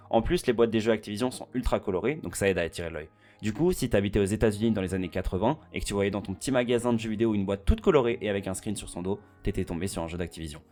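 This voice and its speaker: A man reads a scripted video essay at a brisk clip, his voice sitting fairly low. He keeps it chatty, tossing in slangy asides to the viewer. Soft music plays faintly underneath. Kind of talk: scripted casual narration. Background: faint background music.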